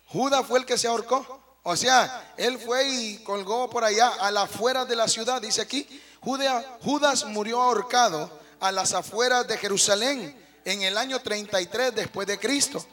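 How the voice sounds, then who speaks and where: A man's voice: very high voice, a bit bright. A man with a Mexican accent preaching a sermon in a folksy, conversational way, often calling his listeners brother.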